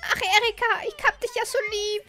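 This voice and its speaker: A woman voicing a small, clingy Digimon creature that yells for help in a frantic, shrill voice. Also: level tone, a little fast, faint music behind. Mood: gushing.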